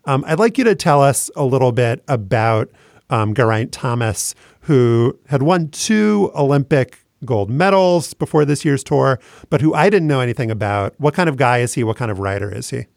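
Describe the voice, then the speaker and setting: Man, podcast host, conversational presenting, dry wit, creaky voice, close dry sound. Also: medium pitch, animated, normal speed, a little mellow, dry recording.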